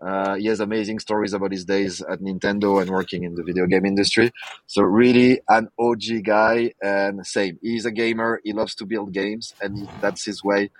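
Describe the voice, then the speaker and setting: A man hosting a gaming podcast in casual chat, often pausing with fillers. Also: fairly low pitch, fairly even intonation, no echo, poor audio. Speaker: podcast host.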